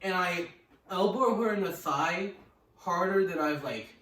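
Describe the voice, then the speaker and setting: A man's voice: sits high, measured pace, fairly bright tone, slight background noise. A young man telling crude anecdotes in casual chat and laughing through them as he rambles. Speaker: podcast co-host. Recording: echoey room, distant mic, crowd behind.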